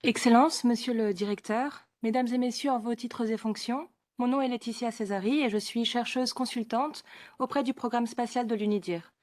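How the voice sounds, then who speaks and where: A woman researcher giving a prepared conference presentation, reading in a formal, steady manner. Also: on the high side, normal speed.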